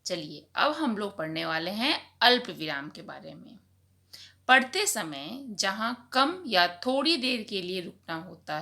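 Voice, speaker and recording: A woman teaching a grammar lesson to young children, speaking slowly and deliberately as she explains examples. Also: mid-range voice, vocal fry, bright, forceful tone. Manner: slow, deliberate teacher talk addressing children. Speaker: primary school teacher.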